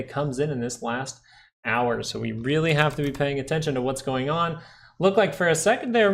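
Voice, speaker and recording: A man hosting a live stock market stream, casually talking through charts and thinking aloud as he goes. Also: mid-range voice. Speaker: stock market livestream host.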